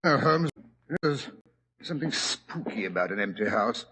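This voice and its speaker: An actor playing a fussy, easily startled doctor sidekick in 1940s radio drama style, blustering and stammering. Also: male voice, lowish voice, lively intonation, normal speed, pushed and bright, husky, full character voice, rough recording. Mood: nervous.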